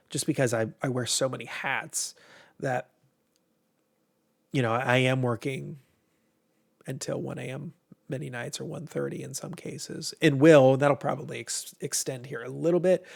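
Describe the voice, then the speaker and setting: Hosting a livestream for a game publisher, this Ohio man with an American Midwestern accent has a medium-pitched, creaky, husky voice. Stuffed up from allergies and tiring, he rambles in an informal, mildly profane way.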